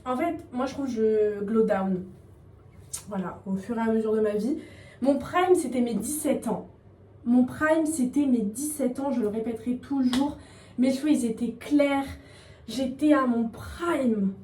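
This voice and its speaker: In an unhurried, fairly high voice with a dark tone, a young woman vlogs casually at home as she gets ready. She rambles and pokes fun at herself in slangy talk. The mic is distant, leaving her off-mic in an echoey room with faint background noise.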